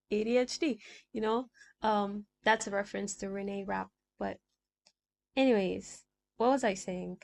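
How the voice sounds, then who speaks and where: Unhurried and steady, with vocal fry, long pauses, and a slightly mellow medium-pitched voice, a young woman hosts a casual podcast by herself. She's from Sudan, speaks Arabic natively, and has an accent blending American and British; her chatty musings wander freely into a small desk mic.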